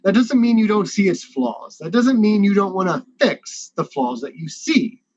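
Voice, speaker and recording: A man's voice: high-pitched, very animated, a little mellow. A man talking with passion in a casual online panel discussion, often stopping and restarting his sentences. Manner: impassioned, halting with many restarts. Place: at home at a computer. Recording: dry, muffled web call audio.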